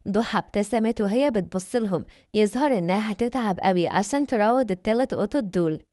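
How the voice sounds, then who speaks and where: A woman's voice: medium pitch, lively intonation, fast talker, warm tone, no room sound, clean studio sound. A woman with an Egyptian Arabic accent narrating a family story. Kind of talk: scripted narration.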